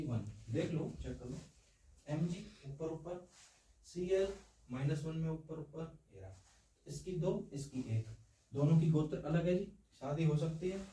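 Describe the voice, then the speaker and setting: Distant teacher with a dark voice in an echoey room. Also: male voice, on the high side. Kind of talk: chalkboard science lesson.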